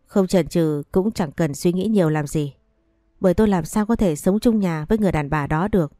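Low, mellow woman narrating a sad story. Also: fairly quick, no echo, studio quality, soft background music. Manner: somber, sorrowful. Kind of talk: scripted first-person story narration.

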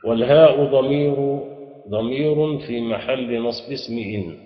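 A man's voice: medium pitch, unhurried. A man with an Egyptian Arabic accent teaching a Quran class, leaving sentences unfinished so his students can supply the answer. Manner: quizzes students with half-finished prompts. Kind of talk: classroom lesson with call-and-response. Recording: echoey hall, dull lo-fi sound.

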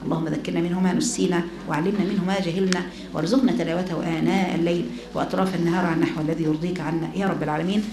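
A woman's voice: fairly low pitch, steady tone, very fast, reverberant, a crowd in the background. A woman with an Egyptian accent teaching a religious lesson to a class, often asking her listeners questions. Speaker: Quran teacher.

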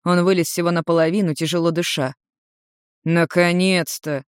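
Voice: mid-range voice, fairly even intonation, fairly quick, darkish tone, no echo, studio quality. A narrator reading a fantasy story aloud in an audiobook style.

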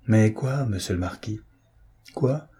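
A man voicing a rough gamekeeper who speaks deferentially and hesitantly in an audiobook reading. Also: on the low side, slow pace, warm tone, full character voice. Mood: uneasy deferential.

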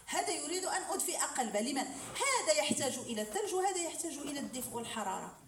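A woman lecturer teaching a class, explaining with examples and asking rhetorical questions. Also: sits high. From Morocco. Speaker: lecturer in hadith sciences. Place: lecture hall. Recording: roomy hall, voice from far off, faint noise.

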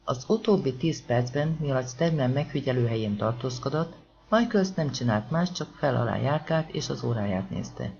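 A man narrating an audiobook in a steady, measured reading. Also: medium pitch, vocal fry. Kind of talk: scripted narration. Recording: slightly dull lo-fi recording with faint hiss.

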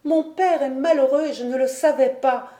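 A woman's voice: mid-range voice, normal speed, warm tone, echoey room, natural voice. A woman voicing an anxious, tender young daughter who pleads with her father in a storybook reading. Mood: distressed. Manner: pleading, urgent questions.

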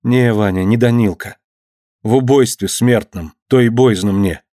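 A man's voice: fairly low pitch, a little slow, warm tone, dry recording, clean studio sound, lightly acted. A man reading an audiobook and voicing a frightened young wife who speaks anxiously. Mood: worried. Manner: anxious, plaintive.

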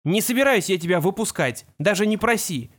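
A man's voice: high voice, lively intonation, fairly quick, voice pushed up. A man voicing an anxious, defiant teenage boy who is an apprentice wizard, speaking earnestly in a raised, pleading tone for an audiobook. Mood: angry. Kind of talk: audiobook character voice.

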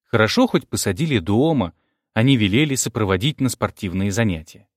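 A man reads an audiobook in the first person, his pitch moving freely as he tells the story. He has a wry, polite storyteller's manner. The sound is close and dry, with no room around it. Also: lively intonation, brisk, dry recording. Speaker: audiobook narrator. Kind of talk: first-person novel narration.

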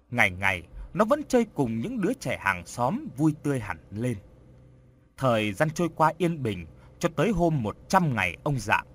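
A man narrating a ghost story in an expressive, dramatic way. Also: medium pitch, breathy edge. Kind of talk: audiobook horror story narration.

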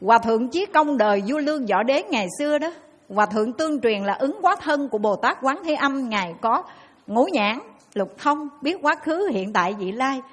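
A woman with a high voice and a Southern Vietnamese accent speaks at a normal speed. She is a Buddhist nun giving a dharma talk, and as a lively storyteller she acts out the people in her stories.

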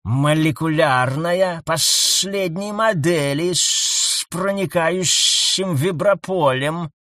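Brief: boastful alien snake husband, drawn-out hissing lines, lifted pitch; voiced by a man. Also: lively intonation, no echo, clean studio sound, exaggerated voice. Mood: drawling. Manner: drawling and hissing, swings to outraged yelling.

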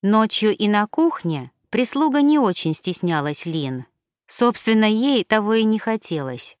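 Woman calmly narrating an audiobook. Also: medium pitch, measured pace, dry recording, clean studio sound. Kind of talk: scripted narration.

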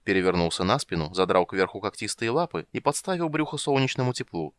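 Animated man reading a fantasy audiobook. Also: on the low side, fast talker, no room sound. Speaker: narrator.

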